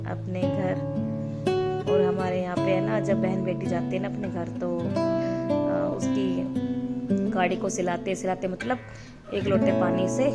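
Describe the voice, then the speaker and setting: A woman in her thirties narrating her own vlog in a chatty, sentimental, storytelling way. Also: medium pitch. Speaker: vlogger. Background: loud guitar music.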